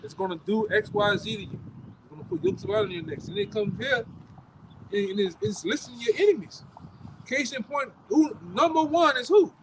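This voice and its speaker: A man, street preaching outdoors in a forceful, repetitive, profane way that keeps ending phrases with "man". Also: very high voice, animated, moderate pace, noisy background. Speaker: street preacher leading the camp.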